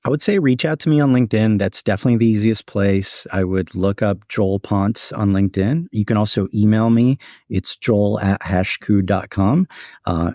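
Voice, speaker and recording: Low gravelly-voiced man. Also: mellow, dry recording, studio quality. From United States. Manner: measured, reflective, frequent "frankly" and "right?". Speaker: guest, company CEO. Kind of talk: conversational interview answers.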